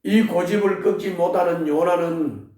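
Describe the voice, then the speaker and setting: A man's voice: sits high, steady tone, normal speed, darkish tone. A man preaching a Bible meditation as a pastor, earnestly putting searching questions to his listeners. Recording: echoey room, distant mic.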